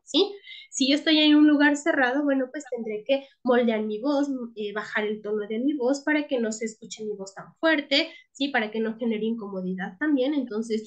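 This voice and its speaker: Woman teacher lecturing, tag questions. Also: a little high. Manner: checks in with frequent tag questions; restarts words and repeats herself. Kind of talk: class lecture.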